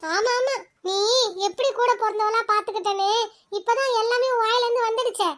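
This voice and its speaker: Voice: extremely high pitch, a little fast, a bit bright. ஒரு குரல் நடிகர் கடுமையாகத் திட்டும் வயதான தாயாக, கேலியுடன் பேசுகிறார். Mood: sarcastic. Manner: scolding, sarcastic. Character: scolding older mother, sharp-tongued.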